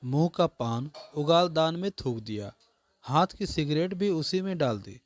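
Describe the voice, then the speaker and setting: Slow, deliberate male storyteller. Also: fairly high pitch, expressive, no room sound. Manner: measured, literary first-person telling. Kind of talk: scripted story narration.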